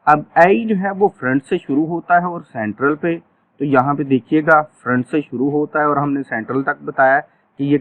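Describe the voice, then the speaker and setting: A man teaching phonetics in a lecture, repeating each example sound slowly. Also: on the high side. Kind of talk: classroom lecture. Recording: tinny phone-like audio.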